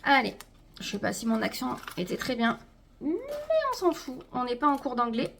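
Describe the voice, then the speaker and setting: A chatty woman unboxes makeup at home, her voice pitched a little high. She talks straight to her viewers and trails off with fillers as she goes. A faint hiss sits under the recording. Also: normal speed, gravelly, fairly bright tone. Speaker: beauty vlogger. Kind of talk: casual haul unboxing chat.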